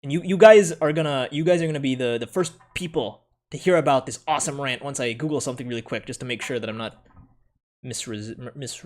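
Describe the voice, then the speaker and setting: This man's mid-range voice has a creaky quality. Raised in the Philippines but with an American accent, he casually rambles through an anime ranking full of fillers and self-corrections, laughing frequently.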